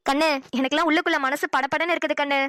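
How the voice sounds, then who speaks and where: A woman's voice: high-pitched, fairly even intonation, racing, fairly bright tone, no room sound, studio quality, pitched below the performer's own voice. A woman voicing a fretful, doting middle-aged mother in a cartoon, pleading and anxious. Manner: pleading, calls her daughter dear. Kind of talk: cartoon voice acting.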